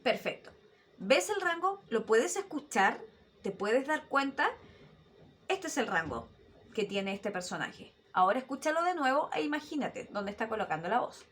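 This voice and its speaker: A woman's voice: fairly high pitch, normal speed, slight background noise. A woman, a voice-acting coach giving an online dubbing lesson. She keeps asking her listener rhetorical questions. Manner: animated teacher, asks rhetorical questions, demonstrates voices.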